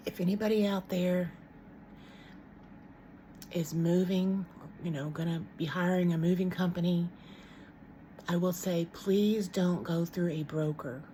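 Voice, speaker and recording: A middle-aged woman talks casually to her camera at home. Her voice sits a little low and has a mellow, warm tone. She rambles frankly, with plenty of ums and false starts, and a faint hum of room sound lies underneath. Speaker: vlogger.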